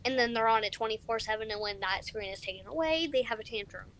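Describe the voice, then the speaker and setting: A teenage girl co-hosting a casual podcast chat, pausing often with ums. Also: a little high, over a noisy crowd. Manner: hesitant, many ums. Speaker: co-host.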